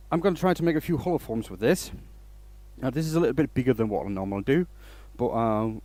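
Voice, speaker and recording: This is a man from Denmark running a laid-back woodturning stream, talking while he works. He wanders off and starts his sentences over as he says hello to viewers, in a medium-pitched, slightly mellow voice.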